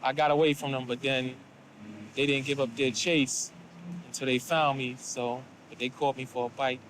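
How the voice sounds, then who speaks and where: A man, briskly telling a story in a documentary interview. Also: medium pitch, little pitch movement, a bit bright, a little hiss or hum, poor audio. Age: 20s. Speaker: interviewee, local resident.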